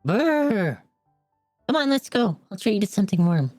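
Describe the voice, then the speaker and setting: A man voicing a playful, teasing young woman in a high falsetto while reading game dialogue aloud. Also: very animated, moderate pace, darkish tone, dry recording, studio quality, soft background music.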